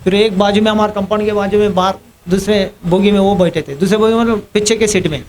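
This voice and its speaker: A man with a high-pitched voice gives a scripture class in a temple hall. He tells an anecdote in an animated way and voices the other people in it himself. A faint room ambience sits behind him. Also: fast, slight background noise. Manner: animated storyteller acting out other people's quotes and laughing at his own story. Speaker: preacher giving a scripture class. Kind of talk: storytelling sermon.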